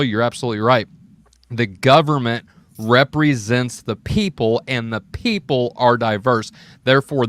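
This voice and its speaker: A man's voice: mid-range voice, a bit bright. A man, a welder, talking things through in casual chat and often checking in with "right?". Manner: explains with examples, keeps checking in with "right?". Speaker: welder on an open mic panel.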